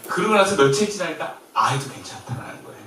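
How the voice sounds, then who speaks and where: A man from Korea preaching a sermon as pastor, in a lively way that swings from emphatic to soft and gentle. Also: fairly high pitch, fast. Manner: lively, shifts between loud and soft, quiet gentle quoted comfort. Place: church sanctuary. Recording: very echoey church from far off.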